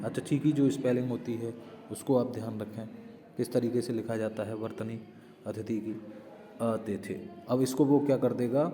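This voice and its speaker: Guy teaching spelling for exams, asks himself questions then answers, warm low-key tone. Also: in a large hall, slight background noise. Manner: explains step by step, often asks and answers his own questions. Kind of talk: exam-prep spelling lesson.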